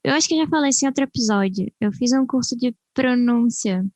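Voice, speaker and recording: A woman's voice: on the high side, quick pace, darkish tone, no echo. A woman hosting a podcast, explaining things in casual chat. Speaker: podcast host.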